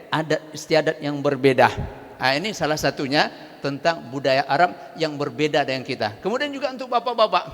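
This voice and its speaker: Lively preacher man in a hall. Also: fairly high pitch. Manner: lively, addresses audience directly, uses proverbs. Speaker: religious teacher. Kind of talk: religious talk to pilgrims. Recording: reverberant hall.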